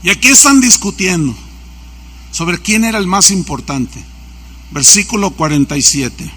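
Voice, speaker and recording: A male pastor delivers a sermon. His voice is very bright and sits high for a man. He acts out anecdotes and asks the congregation questions. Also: husky. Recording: church service recording.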